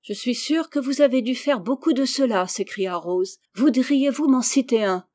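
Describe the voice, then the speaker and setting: A woman reading the lines of a polite, caring little girl in a storybook, with earnest, softly eager questions. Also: a little high, normal speed, no room sound, close to an everyday voice. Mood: admiring.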